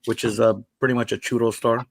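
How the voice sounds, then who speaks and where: A man's voice: medium pitch, flat delivery, fairly quick, vocal fry, slight background noise, poor audio. A man hosting a live stream, chatting in an easygoing, rambling way. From United States. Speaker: livestream host. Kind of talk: casual live-stream chat.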